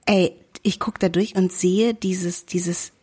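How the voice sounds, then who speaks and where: A woman chatting casually, telling an anecdote and acting out shouted quotes. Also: on the low side, slow, husky. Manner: animated storyteller, acts out shouted quotes.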